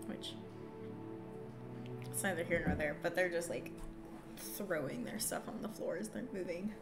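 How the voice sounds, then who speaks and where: A woman game streamer chats casually as she plays a video game, her live commentary self-deprecating and mildly exasperated, with game music behind her. Her voice is fairly low and her delivery a little slow.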